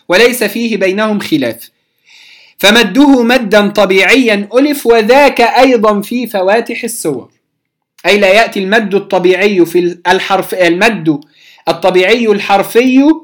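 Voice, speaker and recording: A woman teaching a Quran recitation lesson, speaking deliberately and repeating letter sounds slowly to demonstrate them to her students. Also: mid-range voice. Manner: addresses students directly, checks understanding. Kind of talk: tajweed lesson explaining a poem.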